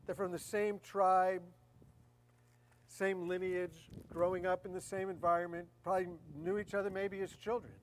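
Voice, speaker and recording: A woman preaching a sermon in a conversational way, often repeating key phrases for emphasis. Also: lowish voice.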